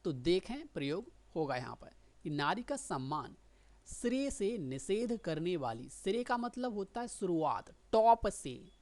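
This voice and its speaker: Lower-voiced woman teaching shorthand. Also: very animated, measured pace, a little mellow. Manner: keeps checking in with listeners; explains with patient repetition. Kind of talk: explanatory lesson.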